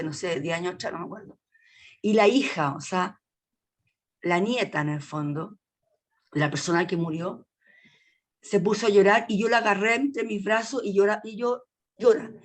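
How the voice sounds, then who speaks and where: A woman's voice: medium pitch, normal speed. A woman with a Chilean accent speaking in a casual group discussion, frank and colloquial, often restarting her sentences. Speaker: colloquium participant.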